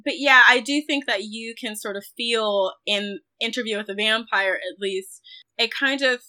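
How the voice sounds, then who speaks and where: This guest critic's voice is fairly high and bright with a forceful edge, moving at a moderate pace. In a reflective film discussion interview, she weighs her words carefully and keeps qualifying what she says.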